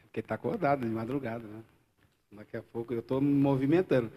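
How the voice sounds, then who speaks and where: The congregation gets banter from this pastor, whose Brazilian Portuguese accent colors a live sermon that moves from loud exclamations to hushed asides. His mid-range voice runs fast over lo-fi sound.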